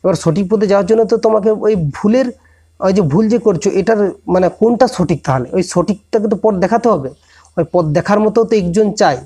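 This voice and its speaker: Higher-pitched man giving an informal moral talk. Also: warm tone, breathy edge. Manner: conversational, many restarts and self-corrections, addresses listeners directly. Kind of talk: informal motivational lecture to students.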